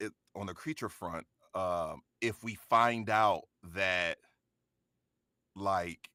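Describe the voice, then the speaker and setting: A man's voice: sits low, slow pace, sharp tone, smooth, no room sound, studio quality. A young adult man chatting casually after a show, hesitant with many restarts and laughs.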